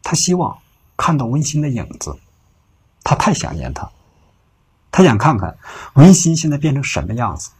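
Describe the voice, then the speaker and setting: Male storyteller for a late-night story show: husky throughout, average pitch, relaxed conversational telling. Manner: unhurried, conversational telling with filler particles.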